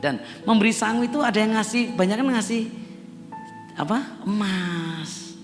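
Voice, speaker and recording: Soft background music accompanies a middle-aged Javanese pastor whose voice is high and a little slow. Preaching in a church hall, he repeatedly addresses his congregation and works up to emphatic peaks, with long reverb and a faint instrument heard behind.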